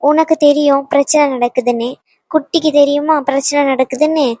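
Woman doing a kind older sister-in-law, reassuring and gently firm, a bit high, dry sound. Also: steady tone, brisk, dry recording, natural voice.

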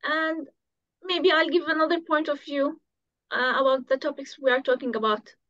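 High-voiced woman from Syria, dull audio. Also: steady tone, moderate pace, fairly bright tone. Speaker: pediatrician.

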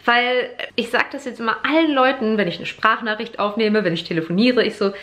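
A woman's voice: on the high side, fairly quick, fairly bright tone. A woman in her twenties chatting casually to a vlog camera in speech, with a slight slushy lisp on her s sounds. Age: 20s. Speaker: vlogger. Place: rooms at home, indoors. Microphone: handheld vlog camera at arm's length.

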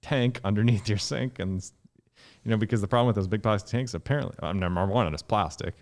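A man in his thirties, a guest scientist on a podcast, explaining in an animated way and jumping up in pitch to stress points, recorded in a dark studio on a studio mic. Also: fast. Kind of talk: podcast conversation. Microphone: studio mic with headphones.

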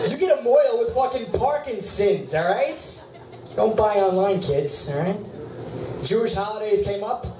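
A man's voice: sits high, darkish tone. Whiny young man doing crude stand-up. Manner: crude, self-mocking, quick punchlines. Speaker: stand-up comedian. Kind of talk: stand-up comedy set. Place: bar stage. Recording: roomy bar from far off, clear ambience.

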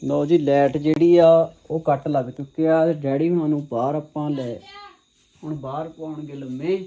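A man's voice: fairly high pitch, steady tone, normal speed, mellow, highs cut off. A man narrating a casual family vlog at home. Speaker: family vlogger. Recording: faintly noisy home recording.

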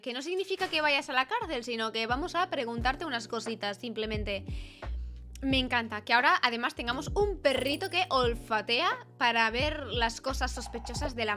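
A woman's voice: on the high side, moderate pace, pushed and bright. Young woman, gaming commentary, chatty, playful, close mic, faint background music. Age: young adult. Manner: chatty, playful, reads game dialogue aloud. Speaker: gaming youtuber. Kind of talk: casual game commentary. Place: small bedroom with purple light. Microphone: studio mic on arm, close.

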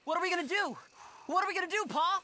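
An actor voicing an earnest, sensitive teenage boy who is quick to panic. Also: sits high, very animated, fairly bright tone, a little hiss or hum, exaggerated voice. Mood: panicked. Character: anxious teenage son, sensitive, eager. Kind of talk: video game voice acting.

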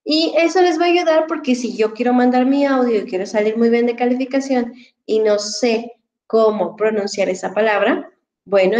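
Speaking into a headset during an online class, a female English teacher patiently explains a dictionary app to her students, addressing them formally and using many fillers. Her voice is fairly high and a little mellow, and the recording sounds muffled.

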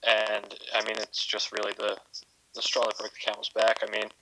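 Low, bright-toned man breaking down hockey. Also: monotone, moderate pace, no room sound, low-quality recording. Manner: analytical, stammers on repeated words. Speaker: podcast co-host. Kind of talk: casual sports analysis.

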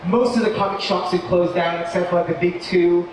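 A man giving a relaxed, rambling live talk as a toy company co-founder. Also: high-pitched, brisk. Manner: relaxed, rambling with fillers and restarts. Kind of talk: casual live presentation. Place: large indoor shopping mall expo. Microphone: distant mic on a live talk. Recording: echoey mall hall, distant mic, crowd noise.

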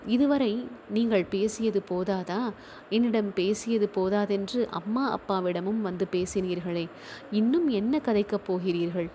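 A woman's voice: medium pitch, measured pace, warm tone, a little hiss or hum, close to an everyday voice. A woman narrator voicing a heartbroken young woman who speaks in tearful reproach, in a storybook reading. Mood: bitter.

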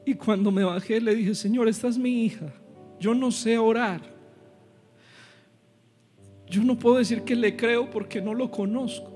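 Guy doing a desperate car dealer boss, high strained begging voice. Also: steady tone, measured pace, long pauses, darkish tone, faint music behind. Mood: pleading. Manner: pleading, high-pitched and choked. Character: distraught middle-aged male car dealership manager.

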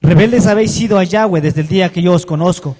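A man reading scripture aloud in a loud, formal way. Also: high-pitched, quick pace, in a large hall. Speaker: scripture reader.

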